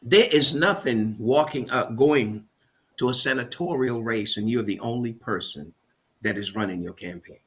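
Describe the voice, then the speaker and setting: A man's voice: mid-range voice, normal speed, fairly bright tone. A man from Barbados, a guest on a talk show, speaking in an emphatic, preacherly way and often repeating words as he builds his point. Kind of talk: motivational interview talk.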